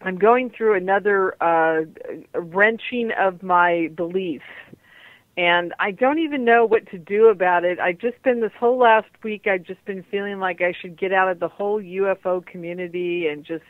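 A woman's voice: medium pitch, normal speed, dry recording. A woman hosting a radio show over a landline phone, talking casually in a candid, confiding way. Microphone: landline telephone. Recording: muffled narrowband landline phone line.

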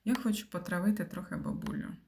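A woman's voice: fairly low pitch, fast talker, dark tone. Woman muttering over a puzzle game. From Ukraine. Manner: thinks aloud, muttering and whispering to herself. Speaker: game streamer. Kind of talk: casual gameplay commentary.

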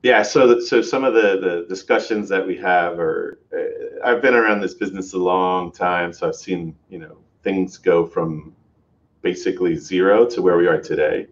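A man's voice: low-pitched, normal speed, dull audio. A man hosting a tech livestream in casual chat, rambling with many fillers and restarts. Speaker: host, developer advocate.

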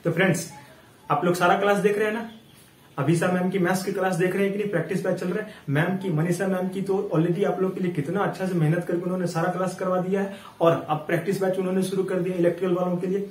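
A man teaching a reasoning class in a casual, coaxing way. He keeps asking the viewers questions, counts sums aloud in quick running tallies, and is still getting over an illness. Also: sits high, flat delivery, reverberant, recorded from a distance, low-quality recording. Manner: chatty and coaxing, asks questions and answers them himself. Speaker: online exam tutor.

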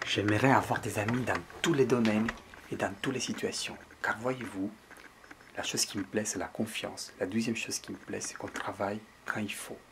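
A French-accented man in his forties, an artist vlogger, chats casually to a handheld camera held at arm's length and calls his viewers friends. His voice sits on the low side, steady in tone and moderate in pace, with vocal fry. He's indoors in a large empty exhibition hall, where a long reverb trails his words, with music and background noise behind him.

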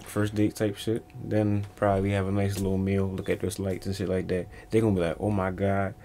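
Joking young man, low voice. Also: completely flat delivery, brisk, vocal fry, dark tone, a little hiss or hum. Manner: joking, loose slang, trailing restarts. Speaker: reaction video co-host. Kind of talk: casual chat.

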